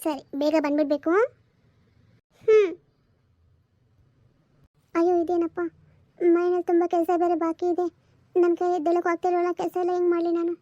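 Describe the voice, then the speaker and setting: A woman playing a burdened young mother who soothes her daughter softly in a homemade family drama. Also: very high voice, little pitch movement, normal speed, pauses often, no room sound, muffled recording. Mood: soothing. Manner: soft and coaxing.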